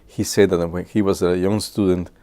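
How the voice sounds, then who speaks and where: A man in his sixties from Guatemala, speaking English, shares memories with students in a halting way, full of filler pauses. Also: low voice, level tone, mellow. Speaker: physicist. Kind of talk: reminiscing talk to students.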